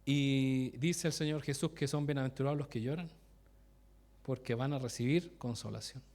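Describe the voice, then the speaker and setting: Speaking at normal speed, this male preacher has a medium-pitched voice with a darkish tone. He laughs at the tales he tells, frequently stops mid-sentence, and puts direct questions to his listeners in a conversational sermon.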